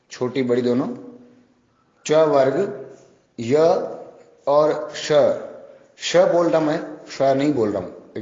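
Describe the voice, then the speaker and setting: Slow-speaking male Sanskrit teacher, echoey room. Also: medium pitch, a little mellow. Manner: slow, explanatory, pauses between terms. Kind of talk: classroom lecture. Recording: roomy, echoey, slightly dull recording.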